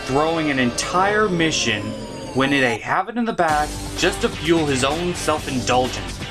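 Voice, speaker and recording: This cartoon reviewer and show host has a voice on the high side, expressive and at normal speed. His scripted comedic review is theatrical, opinionated and crude in its wording, with music playing underneath.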